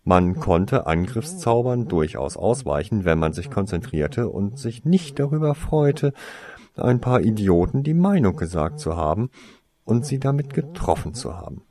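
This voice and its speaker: Slow, expressive male storyteller. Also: fairly low pitch. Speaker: audiobook reader. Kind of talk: storybook narration.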